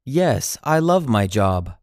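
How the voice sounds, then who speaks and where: Slow, lively English drill voice. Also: mid-range voice, no room sound, clean studio sound. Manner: repeats each phrase in slow chunks. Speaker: language teacher.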